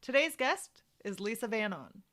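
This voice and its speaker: A woman's voice: fairly high pitch, very animated, normal speed, fairly bright tone, no room sound. A woman hosting a podcast in an informal, emphatic conversational way. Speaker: podcast host.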